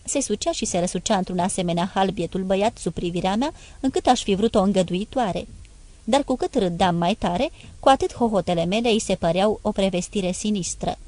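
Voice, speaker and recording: A woman giving a measured, expressive first-person reading as the narrator of a literary audiobook. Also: medium pitch.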